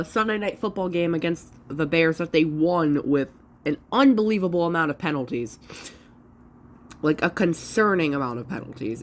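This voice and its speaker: A woman with a low, deep voice and a stuffy, congested sound from allergies. She talks in a loose, chatty way, joking at her own expense and restarting sentences as she goes. A faint hum of room ambience sits behind her. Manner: chatty, self-deprecating, restarts often. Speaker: sports prediction vlogger. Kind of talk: casual solo commentary.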